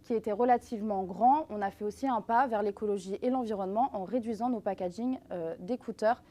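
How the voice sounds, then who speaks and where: A woman's voice: medium pitch, brisk, dark tone. A woman working as a brand representative, explaining things in a live product presentation and speaking directly to viewers.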